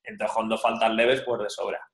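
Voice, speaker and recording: A man telling a story in a calm, measured way during a casual chat. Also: on the low side. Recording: roomy echo.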